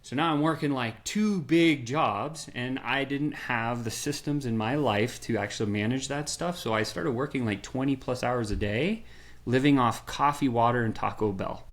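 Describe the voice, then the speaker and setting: A middle-aged man, a podcast guest, telling his business story in a lively way and acting out the quotes. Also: mid-range voice, moderate pace.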